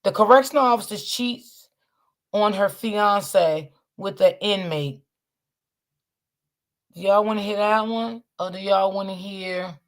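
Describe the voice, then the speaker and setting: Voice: mid-range voice, measured pace, pauses often. A host giving chatty reaction commentary to viewers.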